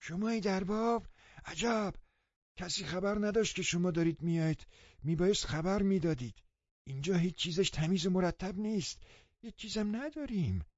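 A man's voice: darkish tone, dry recording. A man putting on a flustered old housekeeper woman. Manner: high, startled and apologetic. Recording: dull lo-fi recording.

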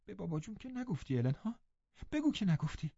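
A man's voice: sits high, very animated, gravelly, mellow, dry recording, highs cut off, voice pushed up, full character voice. A man voicing a distraught teenage girl who pleads breathlessly between sobs, in an audiobook reading. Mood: pleading.

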